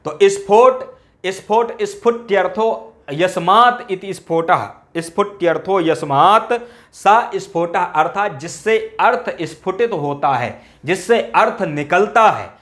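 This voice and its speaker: High-voiced man teaching with repetition. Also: lively intonation, measured pace, a bit bright. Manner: repeats key phrases and asks rhetorical questions. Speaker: Sanskrit grammar teacher. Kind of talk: exam-prep lecture.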